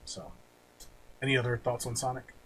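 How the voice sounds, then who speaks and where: Ranking films on his podcast, this man speaks at a moderate pace with a medium, slightly bright voice and a completely flat delivery. He's casual and opinionated, swearing now and then, while obvious background noise marks the rough recording.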